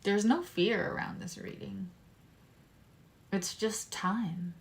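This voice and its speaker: A woman giving a casual live tarot reading in a meandering way, her speech slightly impeded by a swollen tongue. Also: medium pitch. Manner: unhurried, meandering, drifting between card readings and asides. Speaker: live-stream tarot reader.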